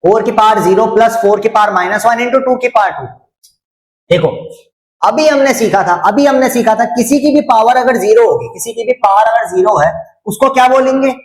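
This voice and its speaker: A man's voice: extremely high pitch, brisk. A man teaching a maths lesson online, repeating each step, quizzing his students and teasing them. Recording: roomy echo.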